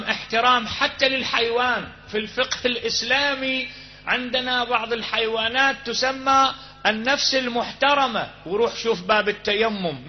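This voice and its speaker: High-voiced Iraqi preacher, impassioned. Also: male voice. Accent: Iraqi Arabic. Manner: impassioned, drawing out key words, dropping to a low hush. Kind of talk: sermon with storytelling. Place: hall with a live congregation. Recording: dull lo-fi recording.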